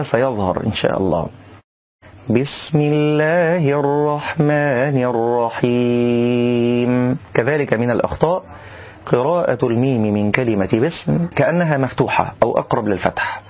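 A man teaching correct recitation in a lesson, explaining calmly and then demonstrating verses slowly and melodiously. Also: medium pitch, husky, lo-fi sound. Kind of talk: tajweed lesson.

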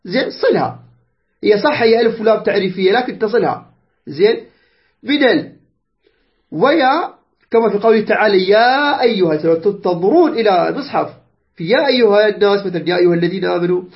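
High-voiced Iraqi man teaching patiently. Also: lively intonation, quick pace, long pauses, lo-fi sound. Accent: Iraqi Arabic. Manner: patient explaining, checks understanding with "clear?" and "good". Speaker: teacher of Quranic spelling and recitation. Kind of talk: classroom lesson.

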